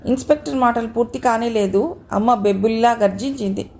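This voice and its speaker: Woman audio-novel narrator, emotive and dramatic, mellow tone, a touch high. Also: fairly quick, slight background noise.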